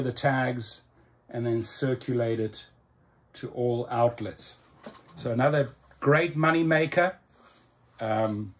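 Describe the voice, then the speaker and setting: A middle-aged South African man, a YouTube channel host, speaks in a mid-range, darkish voice as he talks casually to camera, promoting his channel from an indoor room in front of a computer screen. His vlog-style delivery is upbeat and salesy, full of ums and slow, emphatic phrasing.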